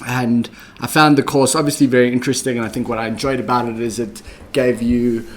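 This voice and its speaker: A young adult man with a South African accent, a guest in a conversational interview, explaining his career path in a measured, methodical way with frequent ums. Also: mid-range voice, level tone.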